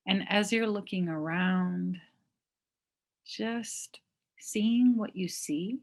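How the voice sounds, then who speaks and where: A woman with a fairly low voice leads a guided meditation, letting long silences fall between her very slowly spoken phrases. Her gentle delivery resembles that of a mindfulness teacher giving instructions.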